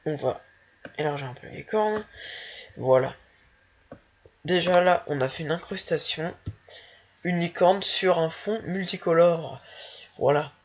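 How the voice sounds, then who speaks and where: Gravelly, husky voice walking through software. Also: mid-range voice. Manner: hesitant, thinking aloud, self-mocking. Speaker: tutorial maker. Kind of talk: casual screen-recorded software walkthrough. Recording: dull lo-fi home recording.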